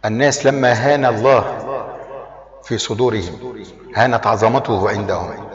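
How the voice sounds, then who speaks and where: A man's voice: lowish voice, normal speed. A man preaching a sermon to a congregation, pressing his points with rhetorical questions. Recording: echoey hall, lo-fi, crowd behind.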